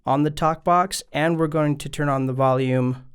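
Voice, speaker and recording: A male music gear video maker with a fairly high, clean, smooth voice presents a casual how-to video at normal speed and in a steady tone. He walks through each step in an easygoing, conversational way, talking straight to his viewers.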